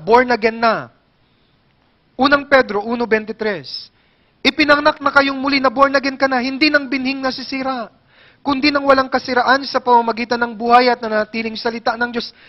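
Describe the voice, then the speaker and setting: A man from the Philippines preaching a sermon as pastor, animated, joking and asking the congregation questions. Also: extremely high pitch, dull audio. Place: church hall.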